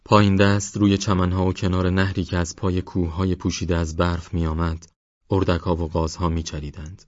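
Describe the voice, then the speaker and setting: A man reads an audiobook in a steady, measured way. His voice is very deep, and the recording is dry and slightly dull. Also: dry recording. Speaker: audiobook narrator. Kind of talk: scripted audiobook narration.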